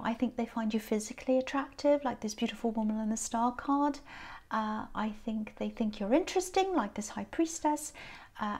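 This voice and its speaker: A tired woman with a croaky voice, giving a casual tarot card reading in a gentle, reflective way. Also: fairly high pitch. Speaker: tarot reader.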